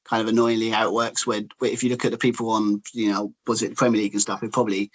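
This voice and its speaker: A man's voice: fairly low pitch, little pitch movement, racing. A man co-hosting a casual football podcast, talking in long rambling runs full of hedges and restarts. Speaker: podcast co-host.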